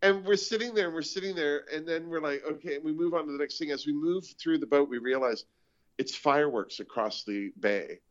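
A man's voice: fairly high pitch, brisk. A man from Canada, a comedian and show host, telling stories in a casual chat and acting out the voices he quotes. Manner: animated storytelling, acts out quoted voices. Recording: dull lo-fi audio.

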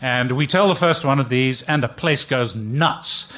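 A man's voice: mid-range voice, unhurried, a bit bright, dull audio. An older man telling a comic story live, with a dry, wry delivery and playful put-on voices. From Britain.

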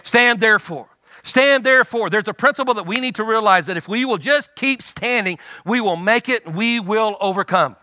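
High, bright-voiced preaching man. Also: normal speed, hardly any pauses, dry recording. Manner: exhorting, call-and-response. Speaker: pastor. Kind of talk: sermon.

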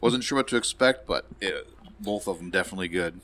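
A man's voice: low voice, fast, fairly bright tone. A pub owner, a man, talking plainly and a little hesitantly about his business. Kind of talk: casual interview chat.

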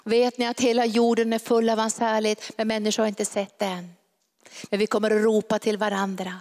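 Fervent woman preacher, fairly high voice, flat delivery, long church-hall reverb. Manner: fervent, emphatic preaching with dramatic pauses. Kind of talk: sermon.

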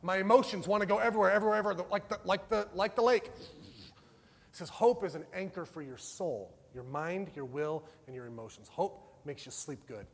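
A man with a high voice preaches in a casual, talk-it-through way. He swings from loud, passionate bursts to hushed, tender passages. His words ring out with a long reverb, as in a large hall. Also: fairly quick, creaky, slightly rough. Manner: passionate, conversational preaching with a wide swing between loud and soft. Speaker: pastor. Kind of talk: sermon.

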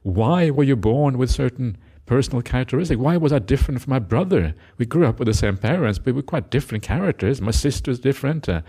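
A Norwegian monk in middle age gives a reflective Dhamma talk quickly and with few pauses, his mid-range voice animated and edged with breath. He tends to close his points with a questioning "eh?", laughing gently and using hesitant fillers.

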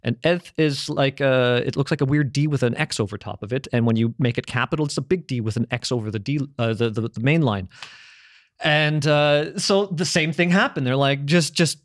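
A man with a medium-pitched voice explains language history in casual conversation, brisk and enthusiastic, rambling with lots of restarts and the occasional swear word. English is his first language, though he also grew up speaking French at home. The recording is dry and studio quality.

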